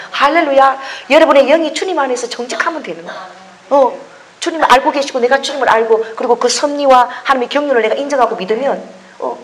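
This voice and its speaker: Animated, laughing middle-aged woman pastor. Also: fairly high pitch, low-quality recording. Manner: animated, laughing storytelling with exclamations. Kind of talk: sermon.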